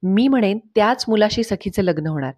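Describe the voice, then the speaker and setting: A woman plays a bossy, cold-hearted wealthy mother who speaks in flat, clipped orders. She sits at a middle pitch, and the voice is close and dry with no room sound. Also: fairly quick, breathy edge, dry recording. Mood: stern. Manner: commanding, cold.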